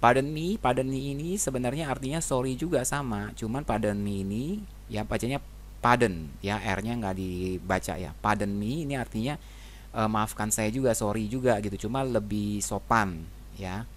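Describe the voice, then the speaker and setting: A man teaching English phrases in a relaxed, conversational way, often ending sentences with a tag question. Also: lowish voice, normal speed, a little hiss or hum. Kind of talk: casual explanatory lesson.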